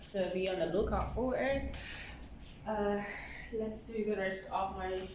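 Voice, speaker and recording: Speaking slowly in a mid-range, darkish voice, this twenty-something vlogger rambles through her self-care routine, laughing a lot and saying "like" constantly. She's recorded indoors at home on a camera on a stand, giving a roomy, slightly distant sound with faint ambience and slight background noise.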